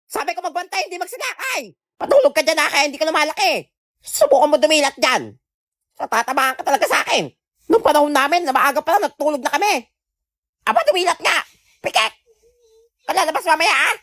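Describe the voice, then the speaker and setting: A woman with a Filipino accent acting out a comedy skit, loud and scolding in a playful way. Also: high voice, lively intonation, fast talker, pauses often, dry recording, studio quality. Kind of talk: comedy skit role-play.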